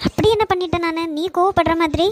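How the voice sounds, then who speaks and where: A woman voicing a calm, puzzled senior college girl in a cartoon. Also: very high voice, fast talker, no room sound. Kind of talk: Tamil cartoon voice acting.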